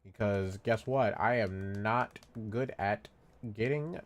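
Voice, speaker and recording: A man's voice: lowish voice, slow pace, faint music behind. A tired man chatting casually on a live stream, rambling and repeating himself while he draws. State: sleepy, yawning. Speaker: vtuber streamer.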